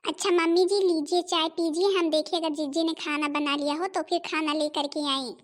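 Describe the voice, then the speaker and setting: A woman voicing a loyal younger daughter-in-law who calms her mother and defends her sister-in-law in a Hindi cartoon. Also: high voice, fairly quick, natural voice. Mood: earnest. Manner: soothing, reassuring.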